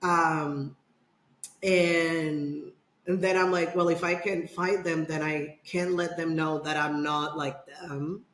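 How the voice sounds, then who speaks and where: A deep, steady voice, slow in pace, belongs to a middle-aged woman from the Dominican Republic guesting on a podcast. There's a little hiss or hum and an echoey room as she tells a personal story, rambling with many fillers and restarts.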